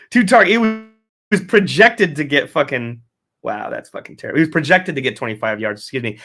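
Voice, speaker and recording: A man's voice: mid-range voice, pushed and bright. A man hosting a casual solo fantasy football recap, rambling, swearing constantly and correcting himself. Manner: profane, rambling, self-correcting. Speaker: fantasy football podcast host.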